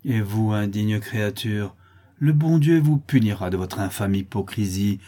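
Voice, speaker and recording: A man's voice: fairly low pitch, animated, measured pace, dark tone. A man voicing a proud farm mistress and mother, exclaiming in indignation, for a storybook reading. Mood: indignant.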